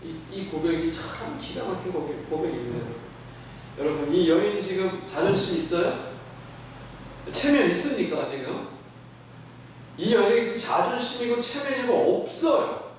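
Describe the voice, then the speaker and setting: A man preaching a sermon as pastor, animated, acting out quoted voices and questioning his congregation. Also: high voice, normal speed, a little hiss or hum. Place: church sanctuary. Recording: echoey church from a distant mic.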